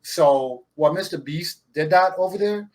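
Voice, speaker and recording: Give me an emphatic man from Zimbabwe co-hosting a chat podcast, voice a bit higher than most. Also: a little slow. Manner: emphatic, passionate, addresses listeners directly. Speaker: podcast co-host.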